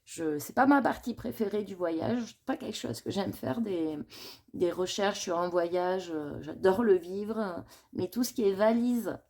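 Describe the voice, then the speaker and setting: A woman's voice: medium pitch, measured pace, a little mellow. A woman chatting casually in a coloring vlog, thinking aloud in a rambling, confiding way and admitting her worries. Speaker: coloring vlogger.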